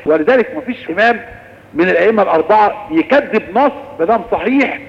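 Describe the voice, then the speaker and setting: Fast-talking Egyptian man teaching Islamic law. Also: high voice, creaky, big-room sound, muffled recording. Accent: Egyptian Arabic. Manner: lively explanatory lecturing, answering questions. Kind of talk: recorded religious lesson.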